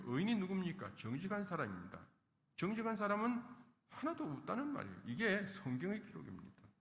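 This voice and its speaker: In an echoey church sanctuary, a male pastor with a slightly high, fairly bright voice preaches a sermon with emphasis. He acts out the lines he quotes.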